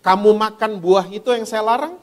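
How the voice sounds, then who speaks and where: A male preacher voicing God as a gentle questioner, in a reverberant hall. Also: sits high, normal speed, natural voice.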